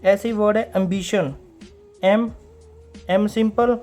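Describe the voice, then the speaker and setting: A man teaching a recorded stenography class, explaining step by step, repeating key words and slowing down when he reads out rules. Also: sits high, steady tone, a little mellow, soft background music.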